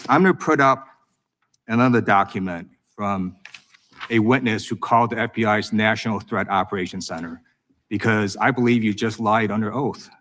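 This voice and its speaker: A man's voice: lowish voice, moderate pace, fairly bright tone, a little hiss or hum. An American man questioning a witness at a formal hearing as a congressman, prosecutorial, insistent and accusatory. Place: government hearing room.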